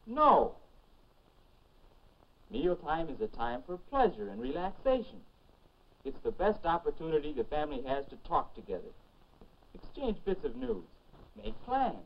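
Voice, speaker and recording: An actor playing a teenage boy's grown-up future self, patiently explaining good manners in 1950s educational film narration. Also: a little high. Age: young adult. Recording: dull lo-fi 1950s film soundtrack.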